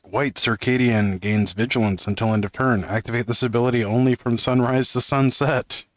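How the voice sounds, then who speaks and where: A man's voice: medium pitch, fairly even intonation, moderate pace, no room sound. A man hosting a card-opening video, reading card text aloud in a casual, amused way and chuckling often. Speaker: card-opening channel host.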